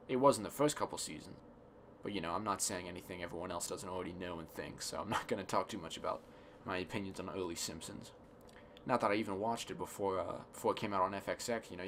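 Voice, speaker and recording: A tired young man rambling casually on a solo podcast, thinking aloud in a self-deprecating way, with a slightly cracky voice and soft, imprecise R sounds. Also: on the low side, a little hiss or hum. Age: young adult. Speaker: podcast host. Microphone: close podcast microphone.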